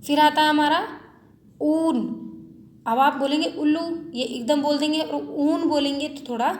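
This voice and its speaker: A woman's voice: high-pitched, fairly even intonation, unhurried. A woman teaching a Hindi lesson to schoolchildren, asking questions and answering them herself, drawing out vowel sounds to show their length. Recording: echoey room with faint noise.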